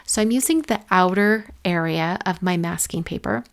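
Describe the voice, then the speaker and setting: A woman's voice: fairly low pitch, moderate pace, gravelly. A woman hosting a craft tutorial in a casual instructional voice-over, explaining things step by step. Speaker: host of a card-making tutorial.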